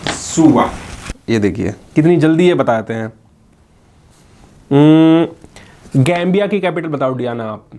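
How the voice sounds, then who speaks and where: A man's voice: a little high, lively intonation, a little slow, long pauses, warm tone, slight background noise. A male local news reporter marvelling aloud as he quizzes children and talks to their mother. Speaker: news reporter interviewing a family.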